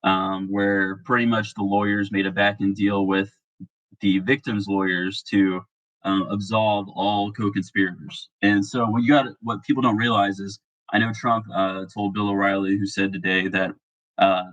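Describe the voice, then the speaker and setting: A man who is sick, talking a bit monotone in a rambling, casual monologue full of fillers and restarts. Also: on the low side, muffled recording. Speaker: political commentary vlogger.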